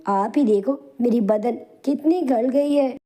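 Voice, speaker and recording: A spoiled, spiteful young daughter, as a woman voices her in a cartoon. She whines and complains in a high, mellow voice. Her tone stays petulant throughout. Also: measured pace. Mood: whiny. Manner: whiny, complaining. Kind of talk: animated storybook voice acting.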